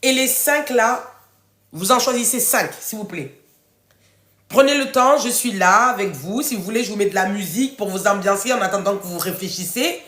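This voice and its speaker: Congested and runny-nosed from a head cold, a woman hosts a casual live coaching workshop in French, speaking informally and affectionately as she encourages listeners and reads out participants' answers. Her mid-range voice is fairly bright and moves at normal speed in a roomy, echoing space.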